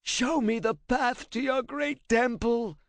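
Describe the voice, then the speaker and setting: Shrill terrified scribe. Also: male voice, takes it slowly, dry recording, full character voice. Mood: desperate. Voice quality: raspy. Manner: shrill, frantic pleading, near shouting. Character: terrified male scribe, cornered and pleading.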